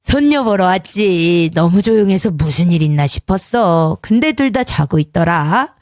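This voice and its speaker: A man's voice: sits high, animated, moderate pace, no echo, studio quality. A woman voicing a pushy older father-in-law who scolds and snaps. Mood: casual. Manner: brusque, scolding.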